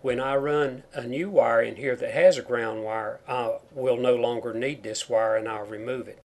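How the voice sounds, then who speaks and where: A man gives plain, step-by-step instruction in the manner of a homemade tutorial. His mid-pitched voice has a noticeable whistle on sibilants, caused by a chipped tooth. He explains each point simply, as a do-it-yourself instructor. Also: fairly even intonation, normal speed, gravelly. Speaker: DIY home wiring instructor. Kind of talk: narrated how-to tutorial over photos.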